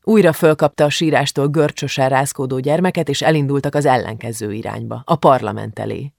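A man reading an audiobook aloud in a measured, grave manner, recorded close to a studio mic. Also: mid-range voice, vocal fry, no room sound. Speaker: audiobook narrator. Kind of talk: audiobook narration.

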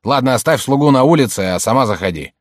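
A man's voice: mid-range voice, expressive, fast, no echo, clean studio sound, pitched above the performer's own voice, close to an everyday voice. A man voicing a grumbling old fortune-teller. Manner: gruff, curt, grumbling. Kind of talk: audiobook character reading.

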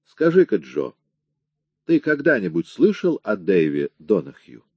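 Guy doing a smug cop detective, mocking, voice pitched up a bit from his deep low one, dry close sound. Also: wildly swooping pitch, unhurried, husky, no echo, highs cut off, heavily acted. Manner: mocking, pressing questions. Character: wry, cocky male police detective.

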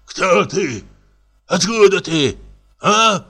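A man voicing a drunk, bewildered actor who cries out in high, slurred wails. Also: lively intonation, extremely slow, fairly bright tone, full character voice. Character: drunk bewildered male actor, raving and frightened.

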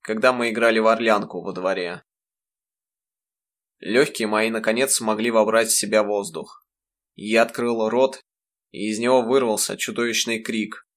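A man narrating a first-person audiobook in a measured, reflective way. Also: fairly low pitch, steady tone, fairly bright tone.

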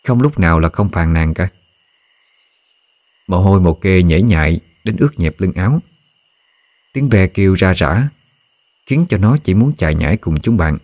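A man narrating a story in a calm, measured storytelling voice. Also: sits low, no echo.

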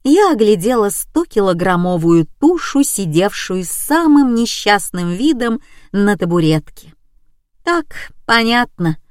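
A woman's voice: medium pitch, darkish tone, no echo, studio quality. A woman reading an audiobook in a wry, ironic manner. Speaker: narrator. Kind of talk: audiobook narration.

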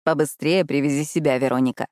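A woman voicing a tender young man, a loving boyfriend, in a soft, affectionate way. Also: deep voice, steady tone, fast talker, dry recording, studio quality, pitched below the performer's own voice, lightly acted.

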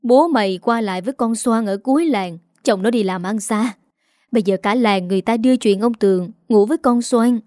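A woman's voice: fairly high pitch, fairly quick, dark tone, dry recording, studio quality, lightly acted. A woman voicing an aging village mother who is tearful and bitterly complaining. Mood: indignant.

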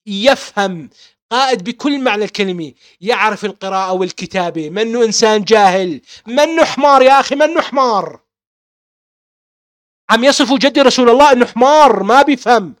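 A man's voice: sits high, fairly bright tone, dry recording, studio quality. A man with a Levantine Arabic accent, an author delivering an impassioned monologue. He is insistent and fervent, firing off rhetorical questions and repeating himself. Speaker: author and publisher.

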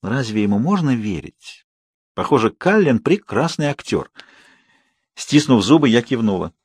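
A man reads the story aloud in a steady, measured way, his voice mid-pitched and a little husky. It is recorded close and dry, with no room echo. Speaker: audiobook narrator. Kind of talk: scripted narration.

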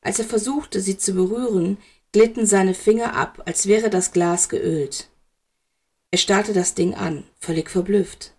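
A woman narrates a fan fiction story aloud as an audiobook. Her delivery is steady and expressive, with a gravelly, creaky texture to her voice. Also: mid-range voice, measured pace.

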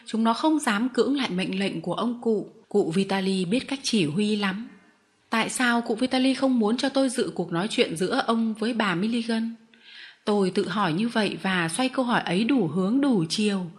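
Woman reading a storybook aloud. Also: medium pitch. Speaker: audiobook reader. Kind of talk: storybook narration.

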